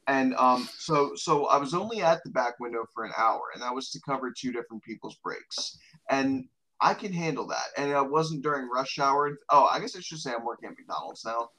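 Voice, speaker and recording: A man's voice: mid-range voice, a little fast, bright, forceful tone, rough recording. A man co-hosting a casual podcast, rambling through stories with sardonic humor and frequent swearing. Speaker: podcast co-host.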